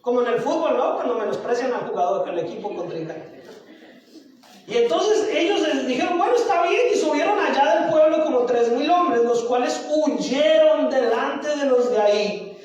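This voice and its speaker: A man's voice: extremely high pitch, expressive, normal speed, a little mellow. A man pastor preaching a sermon at a worship service, passionate and asking the congregation rhetorical questions. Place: church sanctuary during a worship service. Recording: echoey church hall from a distance.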